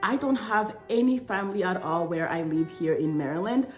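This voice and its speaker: Soft music plays in the background as a Congolese stay-at-home mother in her thirties records a scripted lifestyle vlog segment to camera. Her fairly low voice moves at normal speed, conversational and emphatic, and the sound is roomy.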